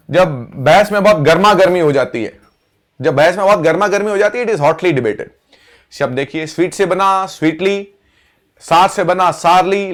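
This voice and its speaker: A man teaching English vocabulary, repeating each word slowly as he writes it out. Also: high voice. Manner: slow, repeats words while writing on board. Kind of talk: vocabulary lesson.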